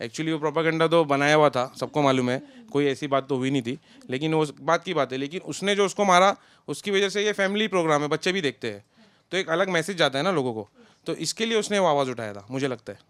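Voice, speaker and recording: A young man talks casually as an interview guest, running one thought into the next. His voice is smooth and slightly high. It sounds close and dry, with no room around it. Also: quick pace, no room sound. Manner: relaxed, talks in loose run-on sentences. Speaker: interview guest, friend of a contestant.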